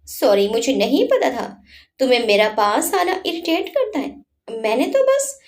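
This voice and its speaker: A woman's voice: high-pitched, very animated, a little slow, full character voice. A woman voicing a young wife in a storybook reading, pleading and emotional. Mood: hurt. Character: young wife, playful, then hurt and tearful.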